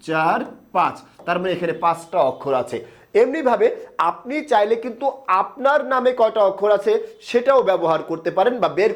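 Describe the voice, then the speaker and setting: A man teaching a grammar lesson, explaining step by step and asking questions that he answers himself. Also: high-pitched.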